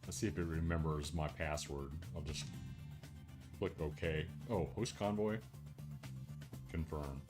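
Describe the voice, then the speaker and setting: A man's voice: very deep voice, fairly even intonation, a little slow, pauses often, over music. A man streaming a game over a headset mic, chatting casually and thinking aloud as he plays. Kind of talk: casual livestream chat while playing. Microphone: livestream headset mic.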